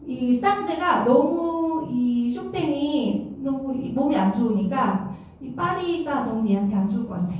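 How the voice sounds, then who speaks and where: A woman giving a lively music lecture, telling stories and acting out what people said, with a chatty manner. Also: sits high, slight background noise. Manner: animated, acts out quoted remarks, chatty fillers. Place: large concert hall. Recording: echoey hall, voice from far off.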